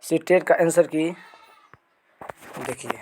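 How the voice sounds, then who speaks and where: Man, channel host, fairly high pitch, casual walkthrough, repeats himself. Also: takes it slowly, a little mellow, slight background noise. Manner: repetitive, restarting phrases. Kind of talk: casual screen-walkthrough update.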